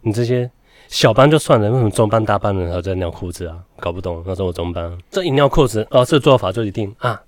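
Fast-talking Taiwanese man, laughing storyteller. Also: on the low side, lively intonation, dry recording, clean studio sound. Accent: Taiwanese Mandarin. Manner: swears casually, laughs often, acts out quotes loudly. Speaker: podcast host. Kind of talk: casual storytelling chat.

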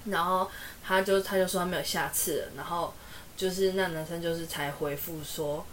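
A woman's voice: lowish voice, fairly even intonation, moderate pace, fairly bright tone, a little hiss or hum. A woman, co-hosting a casual podcast chat and retelling a story with acted-out quotes. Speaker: podcast co-host.

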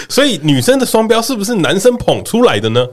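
A man with a Taiwanese Mandarin accent hosting a podcast in casual chat, teasing his co-host and laughing often. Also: high-pitched.

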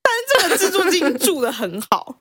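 A woman's voice: very high-pitched, fairly quick, dry recording, studio quality. A woman, co-hosting a podcast and telling a folk tale in casual chat, acting out the characters' lines. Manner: animated, acts out characters' lines. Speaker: podcast co-host.

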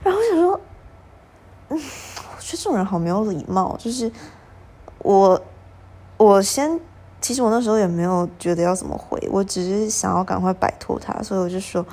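A young woman, hosting a podcast and telling stories in a casual, animated way. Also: medium pitch, moderate pace, long pauses. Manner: animated, acts out quoted exchanges. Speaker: podcast host. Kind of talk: casual storytelling monologue.

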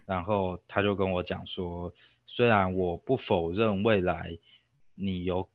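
A young man with a Taiwanese Mandarin accent tells a story as a guest, casual and rambling, often stopping himself with fillers. His voice sits low, and the sound is dry and somewhat dull and lo-fi. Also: dry recording. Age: young adult. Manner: rambling, self-interrupting with fillers.

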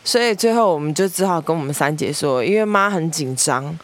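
A young woman with a Taiwanese Mandarin accent, hosting a podcast and telling family stories in a lively way, acting out relatives' voices. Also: deep voice, brisk. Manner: lively storyteller, mimics family members, laughs often. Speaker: podcast host. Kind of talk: storytelling monologue.

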